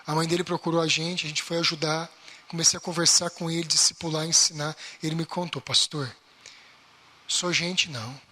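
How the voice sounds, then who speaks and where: A man from Brazil, preaching a lively baptism class sermon and acting out everyday complaints. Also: on the high side, normal speed. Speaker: pastor.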